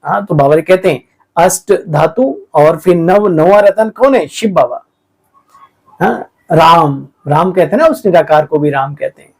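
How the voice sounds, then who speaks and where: Lively exhorting male spiritual teacher. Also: on the high side, a little slow, poor audio. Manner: lively, exhorting, often addresses listeners as sweet children. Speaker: spiritual teacher explaining the daily murli. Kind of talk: sermon.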